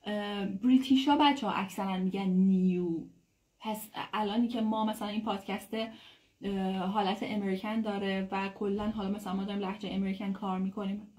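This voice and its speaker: A woman who speaks Persian natively, giving a casual English lesson, explaining in a chatty way and saying English phrases slowly and clearly. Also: medium pitch, a little mellow. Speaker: English teacher. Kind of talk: casual online language lesson.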